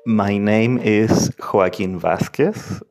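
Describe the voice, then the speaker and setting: Low, slow-talking Chilean man. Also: a little mellow. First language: Spanish. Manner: hesitant, restarts phrases, thoughtful. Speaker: interview guest, lawyer. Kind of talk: casual interview answers.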